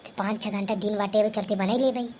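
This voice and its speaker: Faint noise hangs behind a woman voicing a grumbling, mocking, put-upon young daughter-in-law for a scripted cartoon comedy. The voice artist, who has an Awadhi accent, talks quickly in a steady, mid-range voice that is a little mellow.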